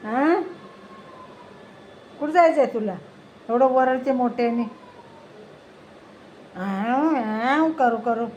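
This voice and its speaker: A woman's voice: high-pitched, lively intonation, takes it slowly, long pauses, a little mellow, slight background noise. A woman in a casual home video, coaxing and questioning her pet cat in a sing-song way. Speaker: cat owner.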